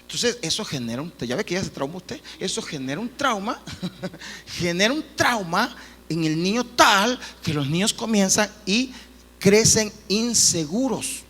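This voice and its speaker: A man preaching a sermon as pastor, earnest and animated, often breaking into acted quotes. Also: high voice, unhurried. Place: church hall. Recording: reverberant church hall.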